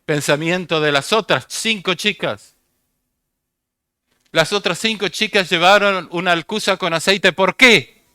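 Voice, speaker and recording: Older male preacher, voice pitched a little high and smooth, repeating his points to the flock. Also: sharp tone, no echo, clean studio sound. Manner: asks the congregation questions and repeats key phrases. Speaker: pastor. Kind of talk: sermon.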